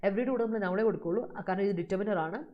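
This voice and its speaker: Woman, English vocabulary teacher for a live online exam-prep class, explains in Malayalam, reads student answers slowly. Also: mid-range voice, muffled recording.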